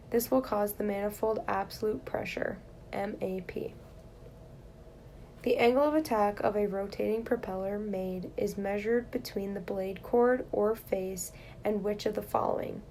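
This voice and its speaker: A woman reading aloud written and oral exam study questions and their answers, in a steady, plain reading manner. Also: mid-range voice, slight background noise.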